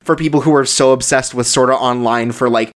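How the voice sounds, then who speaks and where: A podcast co-host of middling pitch talks casually about anime in a loose, rambling way. The speech is full of filler words and breaks easily into laughter. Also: steady tone, brisk. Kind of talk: casual chat.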